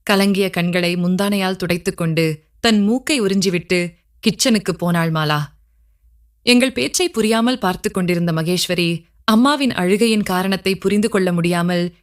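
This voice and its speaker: A woman storyteller reading a scripted story in a steady, even narrative voice. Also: medium pitch.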